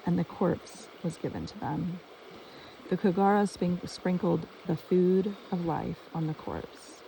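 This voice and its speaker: A storyteller reciting an ancient myth slowly and with measure. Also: medium pitch, gravelly, warm tone. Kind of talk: myth retelling. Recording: distant mic with stream noise.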